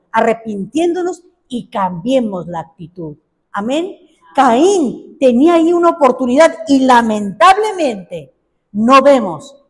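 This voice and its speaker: High-voiced woman preaching in a hall. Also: breathy edge. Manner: expressive, rhetorical questions to the congregation. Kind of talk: sermon.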